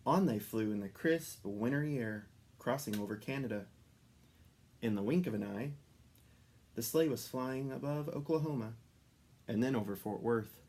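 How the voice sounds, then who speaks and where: Narrating a children's storybook with plenty of expression, a man speaks in a mid-range voice at an ordinary pace.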